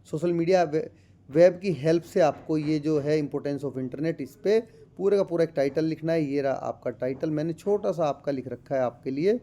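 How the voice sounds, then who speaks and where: A man walks schoolchildren through a textbook lesson. His voice sits a little high and sounds very bright and sharp. He reads the lines slowly and then explains them patiently. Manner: reads English lines slowly, explains in Hindi addressing children. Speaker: tutor.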